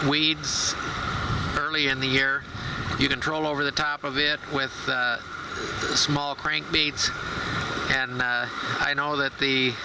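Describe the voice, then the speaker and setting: A man narrating a fishing tour of a lake from a boat, speaking plainly with frequent "uh" fillers. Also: mid-range voice. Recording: loud boat and wind noise. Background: boat motor and water noise.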